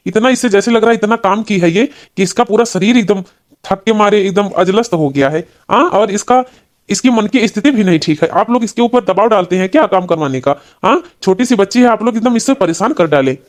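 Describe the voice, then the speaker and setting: A woman's voice: medium pitch, animated, fairly quick, lightly acted. Stern middle-aged male village doctor voiced by a woman, scolding. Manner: scolding yet reassuring. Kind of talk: cartoon voice acting.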